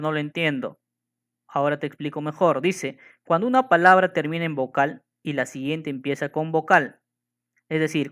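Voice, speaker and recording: A man teaches a lesson, his voice sitting a little high and sounding smooth and clear. He repeats each rule, counts syllables out one by one and keeps checking that his students follow. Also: bright, forceful tone. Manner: patient, repeats and counts syllables slowly, asks "¿de acuerdo?". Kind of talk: classroom lesson on poetry.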